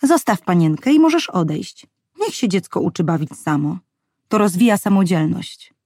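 A woman's voice: fairly low pitch, lively intonation, normal speed, darkish tone, slightly rough, no room sound, studio quality. A woman voicing a vain, doting rich mother who coos over her child and snaps at others. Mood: cooing. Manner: cooing to the child, shrieking at others.

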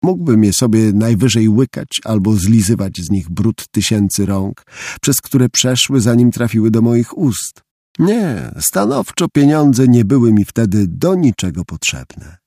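A man's voice: fairly low pitch, dark tone, no echo. A man narrating a first-person audiobook in a wry storytelling tone, recorded dry and close to the mic.

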